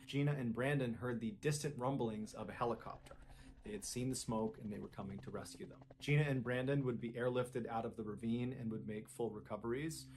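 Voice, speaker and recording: A man's voice: medium pitch, a little hiss or hum. Man narrating a dramatic true story. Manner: animated, dramatic storytelling with rising emphasis. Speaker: storyteller host.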